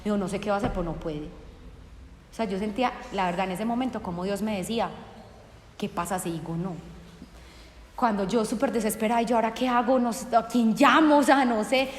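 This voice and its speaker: A woman's voice: medium pitch, brisk, a little hiss or hum. A woman sharing a personal faith testimony with an audience, earnest and acting out remembered conversations. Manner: earnest, acts out remembered dialogue. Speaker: speaker giving a testimony. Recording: echoey hall with long reverb.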